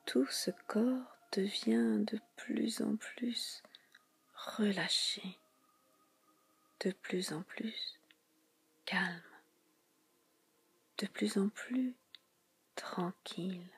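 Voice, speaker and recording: A woman leads guided relaxation in a soothing spa whisper. Her voice is very breathy and husky, with a creaky fry underneath. She speaks slowly and hushed, repeating soft phrases and leaving frequent pauses. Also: mid-range voice.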